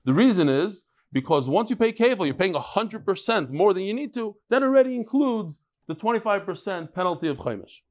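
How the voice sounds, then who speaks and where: A man's voice: sits high, lively intonation, brisk, hardly any pauses, darkish tone. A mature man, a rabbi teaching a Talmud class in an informal, conversational way, posing questions and answering them himself. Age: middle-aged or older. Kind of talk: informal lecture with chatty asides.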